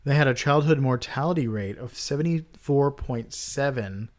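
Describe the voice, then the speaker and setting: A man's voice: mid-range voice, moderate pace. A man hosting a casual podcast, reading out trivia questions and hints in a plain, teasing way. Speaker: podcast host. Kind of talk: casual podcast quiz chat.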